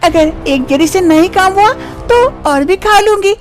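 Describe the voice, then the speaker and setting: A woman's voice: extremely high pitch, normal speed, soft background music. A woman voicing an anxious young wife in a cartoon story, who pleads and worries. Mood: worried. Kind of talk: storybook voice acting.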